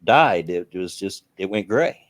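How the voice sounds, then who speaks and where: A man's voice: low voice, animated, measured pace, no room sound. A man in his fifties hosting a casual livestream chat from home, rambling and reading chat messages aloud. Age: 50s. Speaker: stream host. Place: home, on a laptop camera.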